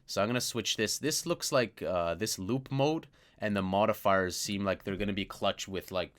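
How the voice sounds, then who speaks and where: A music producer with a fairly low voice reviews a synth plugin at a moderate pace in a casual screen-recorded walkthrough. He thinks aloud, using plenty of fillers and letting remarks trail off, while synth sounds play in the background.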